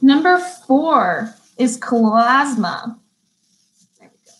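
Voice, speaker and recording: A young woman teaching an online beauty school lesson, reading definitions slowly and chatting between them with easy laughs. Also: fairly high pitch, fairly bright tone, low-quality recording. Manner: chatty, laughs easily, stumbles and restarts; reads definitions slowly, then chats. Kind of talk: live online vocabulary lesson.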